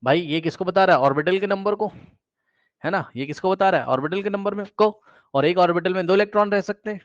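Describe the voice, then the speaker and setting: Male chemistry tutor, higher-pitched, drills students with repeated questions, dry lo-fi recording. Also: fast talker, no room sound. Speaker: chemistry teacher. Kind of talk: exam-prep lecture.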